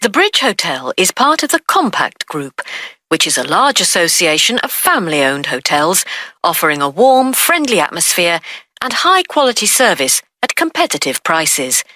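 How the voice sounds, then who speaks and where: A woman playing a hotel information line announcer, reading a formal, promotional recorded phone message with clear enunciation. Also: on the low side, very animated, normal speed, sharp tone, no room sound, clean studio sound, exaggerated voice. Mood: polished, promotional.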